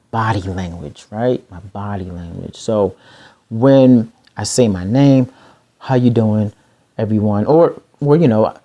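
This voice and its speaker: A middle-aged man talking casually to the camera about his stutter, slow and halting, with many fillers and restarts. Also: lowish voice, warm tone. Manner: slow, halting and repetitive, with fillers and self-corrections. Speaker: vlogger sharing stuttering tips.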